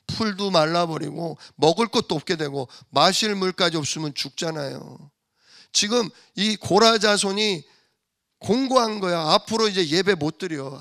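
Impassioned Korean pastor preaching a sermon. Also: male voice, high voice, bright, forceful tone. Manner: impassioned preaching, acting out mockers and church members, rising and dropping sharply.

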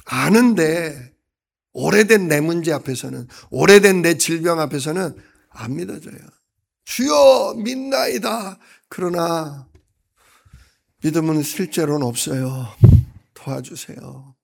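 A male pastor preaching a sermon, acting out quoted lines with sudden loud outbursts and then dropping to a soft voice. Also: a little high, measured pace, creaky. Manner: dramatic, acts out quotes with sudden loud bursts.

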